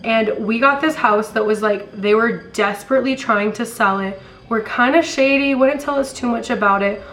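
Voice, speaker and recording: Raspy young American woman, hoarse from being sick. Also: fairly high pitch, normal speed, fairly bright tone, slight background noise, poor audio. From California, later Colorado, US. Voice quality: raspy, like a smoker's voice. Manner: rambling, informal, slangy. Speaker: storytime vlogger. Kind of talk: casual storytime chat.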